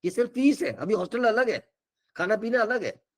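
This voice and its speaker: A man's voice: high voice, big pitch swings, moderate pace. Earnest man counselling in a webinar. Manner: earnest, reassuring, switches often between Hindi and English. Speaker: education counsellor. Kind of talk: webinar talk in Hindi-English mix.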